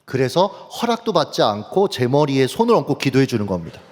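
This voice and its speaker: A male pastor preaching a sermon, telling personal stories in an animated way and speaking straight to his congregation. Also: medium pitch, fairly quick. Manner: animated, anecdotal, addresses congregation directly. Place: church sanctuary. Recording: long church hall reverb.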